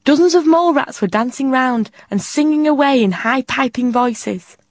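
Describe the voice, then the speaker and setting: A woman's voice: sits high, normal speed, no echo, clean studio sound. Woman reading a children's story aloud. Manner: expressive, lively narration.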